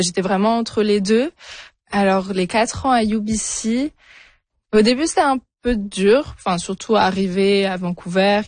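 A young Frenchwoman who has just earned a PhD in physics answers interview questions casually as a guest. Her mid-range voice is a little mellow and carries no room sound, and she hesitates often with fillers and restarts.

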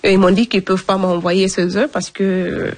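A woman's voice: medium pitch, little pitch movement, normal speed. A young adult woman telling the interviewer her own story in a plain, conversational way, repeating phrases and using spoken fillers. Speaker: interviewee recounting her migration. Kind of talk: personal testimony in conversation.

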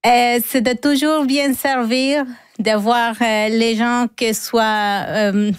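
A woman's voice: a little high, steady tone, takes it slowly, clean tone, no echo. A woman from Colombia, a cleaning worker being interviewed in a radio studio, searching for her words with many fillers. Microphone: studio microphone.

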